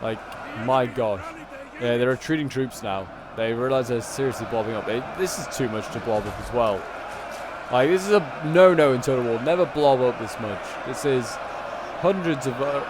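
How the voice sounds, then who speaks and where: A man giving casual, animated live commentary on a strategy game battle in colloquial speech. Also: medium pitch, moderate pace, noisy background. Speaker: gameplay commentator.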